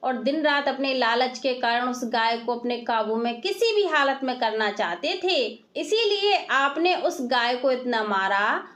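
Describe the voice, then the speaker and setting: A woman doing a shrewd, kind-hearted wife from a storybook tale who gently chides her husband. She is matter-of-fact, and her voice is high.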